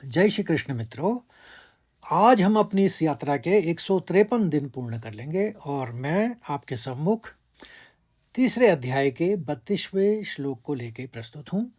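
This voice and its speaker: A man's voice: a little high, lively intonation, a little slow, a little mellow. A man teaching a devotional lesson, chanting Sanskrit verses and carefully breaking them into syllables to show where the stress falls. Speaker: scripture teacher.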